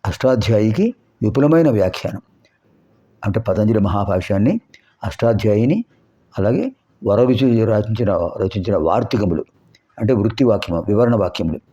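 A man with a low, mellow voice gives a patient Sanskrit lesson, drawing out single sounds so listeners can copy them. He mixes in rhetorical questions as he explains. The recording sounds dull and lo-fi. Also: breathy edge. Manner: repeats sounds slowly for pronunciation drills. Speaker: Sanskrit teacher.

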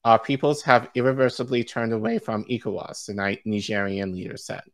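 A man with a lowish, level voice reads news articles aloud at a brisk clip as co-host of a live stream, tripping over foreign names and laughing easily. He comes from an Igbo-speaking background and is recording indoors in a home studio.

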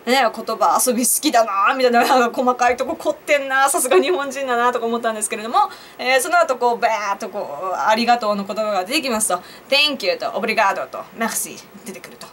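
A woman's voice: a little high, animated, fast talker, hardly any pauses, a bit bright, a little hiss or hum. A young woman vlogger chatting on her own to viewers, laughing at her own jokes and asking them questions. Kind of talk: casual solo commentary to camera.

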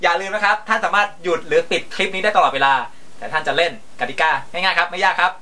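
Bright-voiced young man, slapstick comedy host. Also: high-pitched, fast. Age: young adult. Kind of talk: slapstick comedy presenting to camera. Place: small home room, indoors.

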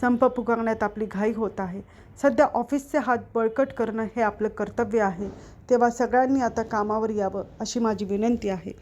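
A woman's voice: a little high, fairly even intonation, moderate pace, darkish tone, lightly acted. A woman voicing a male office clerk who speaks out to his coworkers in a read-aloud story. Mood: persuasive. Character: male clerk union leader, forceful.

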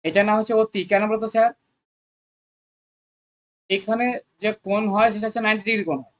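Fast-talking math tutor. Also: mid-range voice, little pitch movement. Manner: rapid call-and-response questioning of students; coaxing, repetitive. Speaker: math tutor at a coaching centre. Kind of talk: exam-prep math lesson.

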